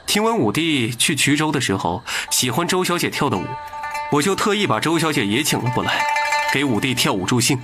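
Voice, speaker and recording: An actor voicing a smooth, ingratiating, scheming prince hosting a banquet in an animated drama. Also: male voice, medium pitch, a little fast, music in the background, lightly acted.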